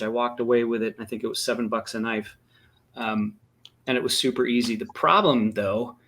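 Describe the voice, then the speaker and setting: A man's voice: mid-range voice, fairly bright tone. Rambling anecdotal male podcast co-host. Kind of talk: casual discussion.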